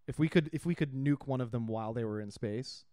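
Fast-talking man in casual podcast chat. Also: mid-range voice, no room sound, studio quality. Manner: animated, swearing, heated when arguing. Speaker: podcast co-host.

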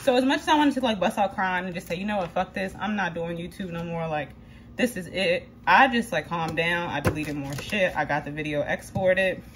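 A woman's voice: lowish voice, noisy background. A young woman talking casually to her vlog audience while cooking in her kitchen, chatty and candid, filling her talk with "like" and casual swearing. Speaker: vlogger. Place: home kitchen.

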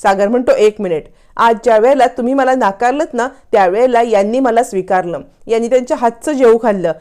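A woman narrates a TV serial recap at a brisk clip. Her voice sits fairly high yet sounds mellow and soft-edged. She lifts it further whenever she quotes a character's lines.

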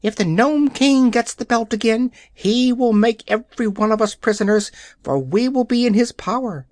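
A man voicing an excitable female talking hen in a storybook, shrill and insistent. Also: normal speed, dry recording, studio quality. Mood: urgent.

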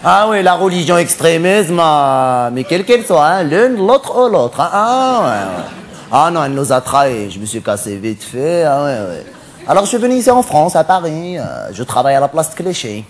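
A male comedian on stage playing a flamboyant, cross-dressing cabaret dancer in a stand-up character monologue, camp and theatrical, quick to snap at the audience. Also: fairly high pitch, very animated. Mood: camp chatty.

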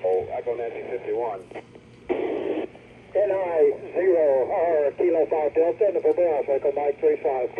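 A man's fairly high voice comes over a fading radio link, thin and narrow through the receiver's speaker. Heavy static hiss rides under him as he reads out call signs in the phonetic alphabet. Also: animated, unhurried, long pauses. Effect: faint fading radio signal through a receiver. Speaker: amateur radio operator.

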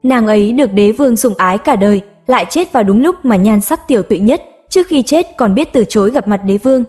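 A woman's voice: on the high side, mellow, close to an everyday voice. Woman reading as a smug taunting starlet. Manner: mocking, unhurried, smiling. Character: smug young woman star taunting her rival.

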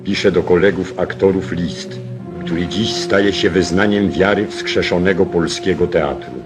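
A man narrating an old 1940s newsreel in a solemn, measured studio voice-over. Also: low voice, steady tone. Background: music.

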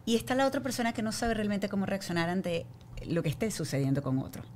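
A woman's voice: medium pitch, very animated, quick pace, a little mellow, slight background noise. Affirming woman podcast host. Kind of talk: casual interview chat.

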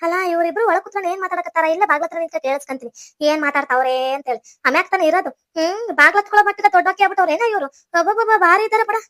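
A teasing, spiteful young woman in a cartoon, voiced by a woman. North Karnataka Kannada accent, a very high, bright voice that runs fast. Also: no echo, studio quality. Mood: sly. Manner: teasing, gloating whisper-like.

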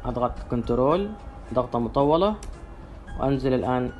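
Male software instructor, average pitch, halting step-by-step delivery, faint background music. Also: expressive. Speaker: tutorial presenter. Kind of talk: step-by-step spoken software demonstration.

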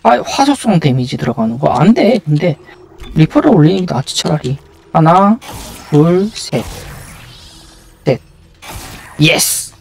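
A man with a fairly high, very lively voice does casual live gameplay commentary. He thinks aloud and mutters to himself as he goes. Game music plays behind him. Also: unhurried, vocal fry, pauses often. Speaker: video game streamer.

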